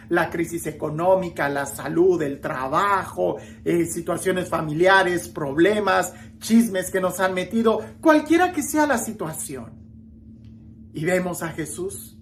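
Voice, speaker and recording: A woman reading the gospel and giving a reflective homily, slow and expressive, with dramatic emphasis and small restarts. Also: fairly low pitch, a little hiss or hum. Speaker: preacher.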